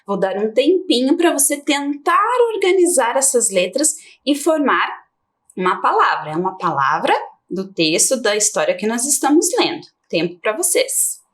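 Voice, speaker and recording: A middle-aged Brazilian woman teaching young children in a TV lesson, stretching key words slowly and clearly. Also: on the high side, very animated, fairly bright tone. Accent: Brazilian Portuguese.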